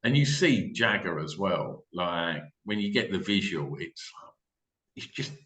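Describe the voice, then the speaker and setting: Speaking a little slowly in a low, animated voice with a sharp edge, an English man hosts a podcast in a casual, enthusiastic interview chat. The recording carries an echo from the room.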